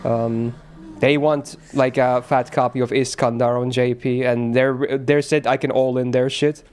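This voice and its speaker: A man's voice: medium pitch, little pitch movement, measured pace, a little mellow, clear, resonant tone. A male streamer chatting casually with his viewers, loose and rambling, often laughing and swearing.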